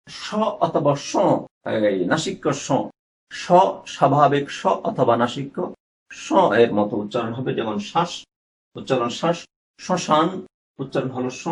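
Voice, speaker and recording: A male teacher giving a recorded class lesson, sounding out words slowly and repeating them for his students. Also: mid-range voice, poor audio.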